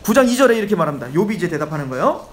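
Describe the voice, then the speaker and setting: His high voice races along as he preaches an expository sermon, reading passages and then animatedly giving Bible characters everyday dialogue. The recording, made in a church sanctuary, carries echo, faint ambience, and a bit of hiss or hum.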